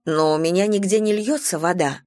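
A woman's voice: fairly low pitch, brisk, a little mellow, no room sound, lightly acted. A woman voicing a restrained young woman, speaking dryly and curtly. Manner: dry, clipped.

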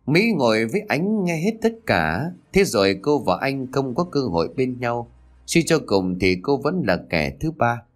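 A man reading a story aloud in an expressive, steady way. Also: medium pitch, a little slow.

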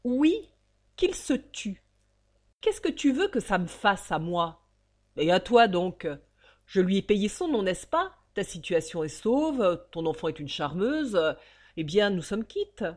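A woman voicing a greedy, irritable older male banker who rants loudly and scornfully in a storybook reading. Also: on the high side, big pitch swings, a little slow, pitched above the performer's own voice. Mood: ranting. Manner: loud, ranting and scornful.

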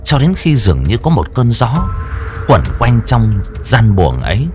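A man narrating a dramatic horror audiobook in an expressive storytelling manner. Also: on the low side, unhurried, over music.

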